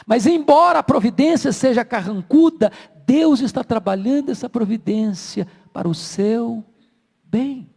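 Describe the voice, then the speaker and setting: Brazilian pastor, very high gravelly voice, dramatic sermon delivery, long hall echo. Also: male voice. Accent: Brazilian Portuguese. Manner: dramatic preaching, swinging from soft low asides to loud slow emphasis.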